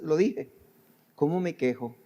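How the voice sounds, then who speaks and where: High-voiced older preacher in a reverberant hall. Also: male voice, expressive, a little slow, mellow. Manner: conversational preaching, addresses listeners directly, repeats phrases. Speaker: pastor. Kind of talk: sermon. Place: church sanctuary.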